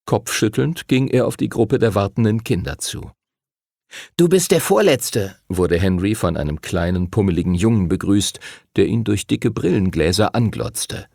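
A man narrating an audiobook in an expressive storytelling manner. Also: sits low, normal speed, gravelly, no echo, clean studio sound.

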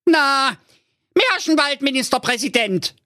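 A shrill, bossy nagging wife. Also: male voice, lively intonation, a little slow, sharp tone, no echo, studio quality, exaggerated voice. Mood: smug.

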